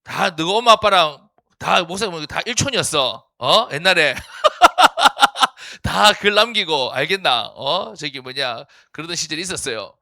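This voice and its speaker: A man's voice: fairly high pitch, sharp tone, dry recording, studio quality. A man, a youth pastor preaching a playful sermon and teasing the teens by name.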